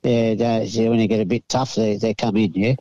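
An older man with an Australian accent chats casually as an interview guest, giving laconic, halting, drawled answers. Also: fairly low pitch, level tone, warm tone, dry recording, dull audio. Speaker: racing pigeon fancier, interview guest.

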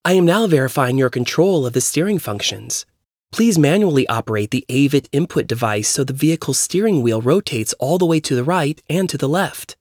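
Male narrator doing a robotic female car computer, formal and instructional, raised pitch, dry sound. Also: animated, fairly quick, a little mellow, dry recording.

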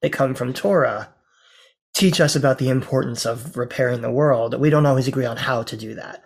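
A man's voice: mid-range voice, brisk, creaky. A man from the American South, a rabbi himself, interviewing a guest in a conversational way and asking open questions. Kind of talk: casual interview.

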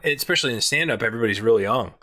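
A man's voice: mid-range voice, lively intonation, racing, bright, forceful tone. A man in his mid-thirties hosting a podcast, telling loose, profane stories in casual chat. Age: 30s. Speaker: podcast host.

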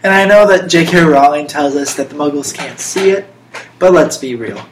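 On a casual podcast of chat and playful monologues, a young man speaks at a moderate pace in a slightly high voice, sounding emphatic and mock-serious. The recording is echoey with faint background noise.

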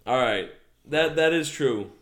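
A man co-hosting a casual podcast, laying out a topic in a hesitant way with plenty of "um"s and false starts. His voice is of middling pitch. The room gives it an echoey sound. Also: expressive, a little slow, fairly bright tone. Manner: hesitant, many "um"s and restarts while laying out a topic. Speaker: podcast co-host. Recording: roomy echo.

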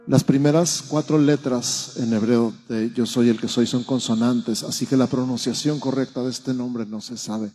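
A man's voice: mid-range voice, steady tone, normal speed, few pauses, warm tone, slightly rough, faint music behind. A man preaching a Sunday sermon as pastor, explaining patiently and building into emphatic repetition during a church service.

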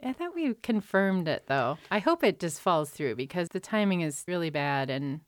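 A woman's voice: lowish voice, big pitch swings, normal speed, no room sound. A woman co-hosting a podcast, chatting casually about films and laughing easily. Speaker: podcast co-host. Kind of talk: casual film chat.

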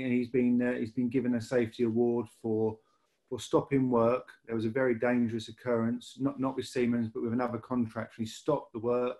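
His mid-range voice has a darkish tone. A rail industry manager from Lancashire, England, with the local accent, he's a guest in a casual podcast interview, telling his story ramblingly with frequent repeats and restarts.

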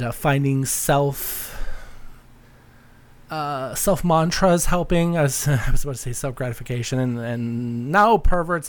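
A man hosting a solo podcast in a casual, rambling, chatty way with a campy touch. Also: medium pitch. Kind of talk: casual, rambling personal chat.

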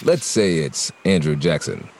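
An actor playing a wisecracking, world-weary private detective, deadpan, in a parody noir audio drama. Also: male voice, very deep voice, measured pace, gravelly, a little hiss or hum, exaggerated voice. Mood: dry, impatient. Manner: deadpan, hard-boiled wisecracking. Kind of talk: parody noir narration and radio drama acting.

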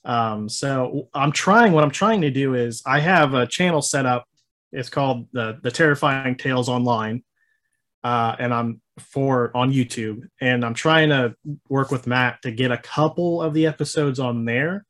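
Casual, halting man in conversation. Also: medium pitch, fairly bright tone. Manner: halting, rambling, chuckles often. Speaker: interview guest, maker of a horror host show.

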